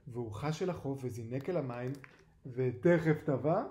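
A storyteller reading a rhyming children's book aloud in a lively, rhythmic way. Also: mid-range voice. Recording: roomy echo.

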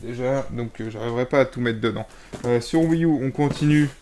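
A young man's brisk, medium-pitched, darkish voice carries over slight background noise as he shows off games he bought. Handling boxes and moving about, he rambles hesitantly with many fillers; the audio comes from a camera mic.

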